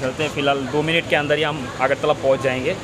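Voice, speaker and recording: A man in his thirties from Tripura, India, casually talking to a phone camera held at arm's length as he walks through a busy outdoor railway station, chatty and relaxed. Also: fairly high pitch, fast talker, noisy background. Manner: chatty, relaxed, guiding the viewer around. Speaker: travel vlogger. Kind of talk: casual walking vlog to camera. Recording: outdoor phone recording with crowd around. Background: crowd chatter and passing vehicles.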